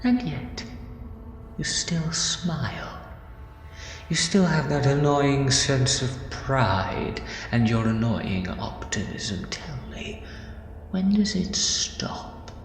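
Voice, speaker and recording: Man acting the Master, slow swooping villain. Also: mid-range voice, animated, a little hiss or hum. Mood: taunting, menacing. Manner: taunting, theatrical, slipping into breathy whispers. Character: gloating, menacing male alien villain, would-be tyrant. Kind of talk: fan audio drama acting. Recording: echoey, long reverb, music underneath.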